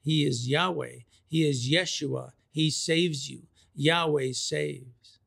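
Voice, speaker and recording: A man preaching a sermon, slow and deliberate, repeating key phrases for emphasis. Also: a little high, vocal fry, a bit bright.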